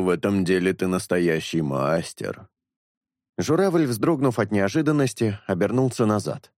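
A man narrates a literary novel in a measured, deliberate way, stretching out dramatic phrases. His voice sits fairly low and sounds dry and close, with no room echo. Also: a little mellow. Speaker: audiobook narrator.

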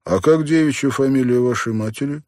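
A man voicing a brisk, friendly male doctor with a teasing manner. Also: medium pitch, darkish tone, no room sound, studio quality, pitched above the performer's own voice, close to an everyday voice. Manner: brisk, joking.

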